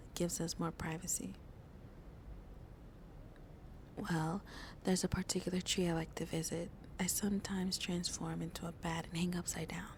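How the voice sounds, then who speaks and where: Her voice is fairly low and natural, with a faint hiss or hum in the background. Playing the same bashful, teasing vampire on an ASMR date, she keeps things soft and close, frequently dropping to breathy whispers, and the mood feels warm and inviting.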